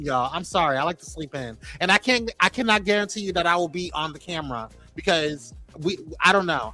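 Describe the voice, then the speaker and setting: A man with a high, ringing voice hosts a live-stream show. He greets his viewers by name and banters playfully, and faint music plays behind him. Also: pushed and bright. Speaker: host.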